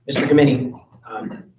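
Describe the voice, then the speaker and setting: A man working as an attorney, questioning a witness in a courtroom in a brisk, methodical way. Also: mid-range voice, far from the mic, a little hiss or hum. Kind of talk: courtroom examination. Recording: roomy courtroom audio from afar.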